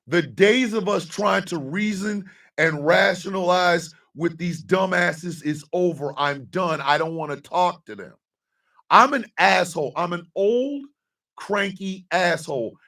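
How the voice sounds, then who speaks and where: A man in his fifties hosting a live stream, ranting with profanity and often breaking into shouts. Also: sits high, gravelly, far from the mic. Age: 50s. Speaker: host.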